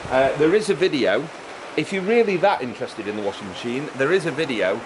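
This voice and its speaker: A man's voice: medium pitch, lively intonation. A middle-aged man, talking casually to camera in a raised, projected voice as he explains a project. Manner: chatty, raised voice projected over background noise. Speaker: vlogger presenting a build project. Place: outdoors beside a fast-flowing river. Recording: outdoor recording with rushing river noise.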